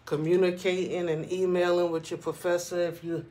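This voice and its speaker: A man's voice: high voice, flat delivery, normal speed, dark tone. A man vlogger giving a casual opinion monologue in a conversational way, often checking in with the listener. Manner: conversational, frequently checking in with "you know what I'm saying".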